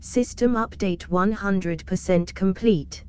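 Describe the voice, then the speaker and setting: A woman's voice: medium pitch, slow, over loud music. Woman doing a metallic cyborg ship computer. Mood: announcing. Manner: flat, clipped status announcements. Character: female ship computer announcing system updates.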